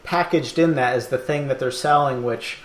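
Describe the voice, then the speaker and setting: A man hosts a casual podcast chat, thinking out loud with plenty of fillers and the odd laugh. His voice sits at an ordinary pitch. It carries a roomy echo from the space around him. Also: normal speed. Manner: rambling, thoughtful, laughs often. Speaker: podcast host.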